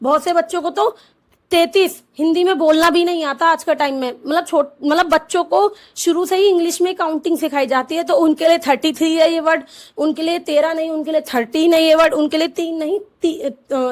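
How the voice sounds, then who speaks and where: A woman teaching a lesson to camera, explaining slowly and repeating sounds, often asking a question and answering it herself. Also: very high-pitched. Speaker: Hindi teacher.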